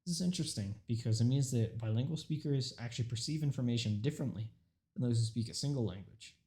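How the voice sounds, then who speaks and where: A young student speaker whose first language is Urdu gives a prepared informative speech. He's earnest and mostly steady, stumbling and restarting a few times as he reads, in a fast, mid-range voice.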